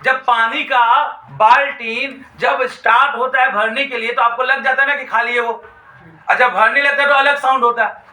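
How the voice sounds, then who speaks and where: High-voiced bright male teacher. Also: steady tone, echoey room, distant mic, poor audio. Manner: dictates slowly, repeats phrases, asks students questions. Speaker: physics teacher. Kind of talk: classroom lecture. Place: classroom.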